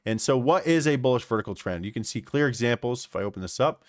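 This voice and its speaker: A man streaming live, commenting on trading charts in an animated way and repeating phrases for emphasis. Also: mid-range voice, fast talker, no echo, clean studio sound.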